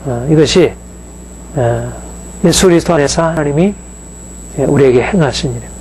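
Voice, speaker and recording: A man's voice: on the high side, normal speed, darkish tone, a little hiss or hum, low-quality recording. A male pastor giving a conversational sermon, with frequent fillers and rhetorical questions to the congregation.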